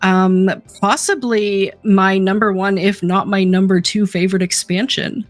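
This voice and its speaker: A woman's voice: medium pitch, steady tone, a little slow, no echo. Woman chatting on a gaming podcast, dry close sound, laughs a lot, faint music behind. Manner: chatty, laughs often, self-deprecating. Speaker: podcast co-host. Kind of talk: casual gaming podcast chat.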